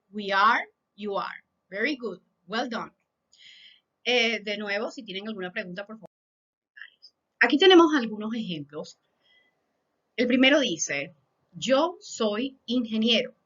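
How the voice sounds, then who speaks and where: A woman teaching beginner English in Spanish, saying example sentences slowly and carefully for learners to repeat. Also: mid-range voice, fairly bright tone, highs cut off. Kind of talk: lesson in Spanish.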